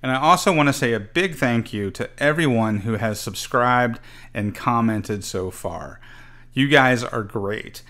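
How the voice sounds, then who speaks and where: A man's voice: fairly low pitch, fairly bright tone. A middle-aged man hosting his own channel, giving an earnest, scripted explanation of how to prepare a tabletop game campaign. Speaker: channel host. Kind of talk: scripted tutorial narration.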